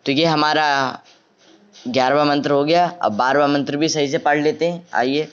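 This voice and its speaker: A man leads a chanting lesson in a very smooth, resonant voice with a slightly raised pitch. He stretches every syllable into long, slow chant and breaks off for quick explanations of how each sound should be said. The recording is dull and lo-fi. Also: fairly even intonation. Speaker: Vedic chanting teacher. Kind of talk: recitation lesson.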